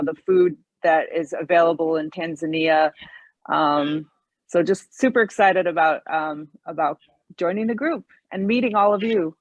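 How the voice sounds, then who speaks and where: A woman's voice: lowish voice, dry recording, lo-fi sound. American woman, eager chatty self-intro over a call; dry close sound. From United States. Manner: eager, chatty with many fillers. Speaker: meeting participant. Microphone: video call.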